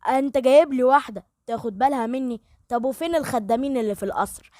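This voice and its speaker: An irritable young man in a wheelchair barks orders as a woman puts him on. He speaks with an Egyptian Arabic accent in a quick, clipped rush, his voice sitting fairly high. The sound is dry and close, like a storybook recording. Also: no echo, lightly acted. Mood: angry. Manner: snapping and bossy.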